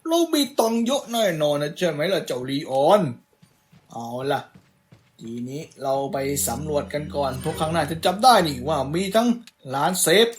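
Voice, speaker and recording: Very animated and a little high in pitch, a young man talks at a normal pace while playing a game for his YouTube let's-play. His commentary is casual, and he teases the enemies in fun.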